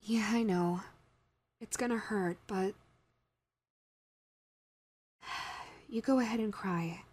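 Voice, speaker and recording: A woman voice actor playing a caring young woman friend who comforts the listener in an audio role-play, speaking in a soothing, protective and gently teasing way. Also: medium pitch, slow, breathy edge. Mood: consoling.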